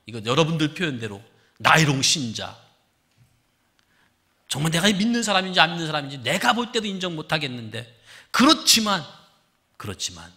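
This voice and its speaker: Male pastor, church sermon; gravelly, bright, forceful, animated, drops to hushed whispers for emphasis. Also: sits high. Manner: wide swings between loud emphasis and hushed, whispered lines. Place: church sanctuary.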